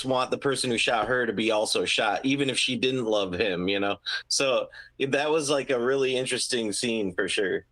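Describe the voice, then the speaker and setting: A man's voice: mid-range voice, a bit bright. A man co-hosting a casual movie discussion, thoughtfully musing over scenes and their meaning. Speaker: podcast co-host.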